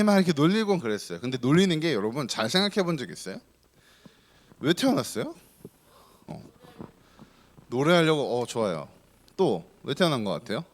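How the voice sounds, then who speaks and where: A man preaching as pastor to a group of children, keeping them engaged with questions and playful teasing. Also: mid-range voice. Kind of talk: children's sermon.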